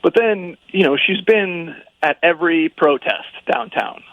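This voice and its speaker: A man's voice: high-pitched, measured pace, creaky, no echo. A man talking casually over a phone line on speakerphone, hesitant and full of fillers. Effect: heard over a phone line on speakerphone. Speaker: radio show call recipient.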